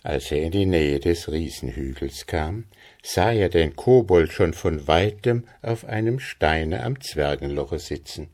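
A man narrating a fairy tale in a measured, expressive storytelling manner. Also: rumbling low. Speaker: audiobook narrator.

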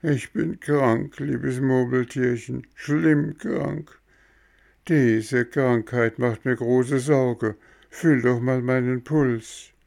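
A man's voice: fairly even intonation, very slow, creaky, a little mellow. A man voicing a frightened boy puppet who is turning into a donkey, whiny and pleading. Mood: anxious. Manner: whiny and pleading, voice raised high.

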